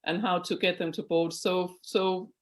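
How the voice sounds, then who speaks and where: Over a video call, a middle-aged Danish woman who chairs a board answers webinar questions as a guest speaker. She is earnest and emphatic, restarts frequently, and speaks unhurriedly in a fairly low voice with fairly even intonation.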